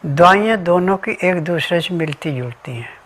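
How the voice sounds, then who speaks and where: A man's voice: sits high, lively intonation, moderate pace, a bit bright. A man giving an instructional health talk as a remedy advisor, methodically listing ingredients and diet rules step by step.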